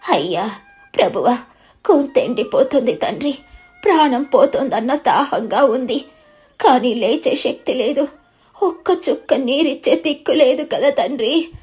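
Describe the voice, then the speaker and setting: A woman voicing a frail, lonely old village woman who speaks weakly and slowly, in a storybook. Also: high voice, animated, a little mellow, slightly rough, faint music behind, heavily acted. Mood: pleading. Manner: weak, slow, pleading. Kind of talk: storybook narration.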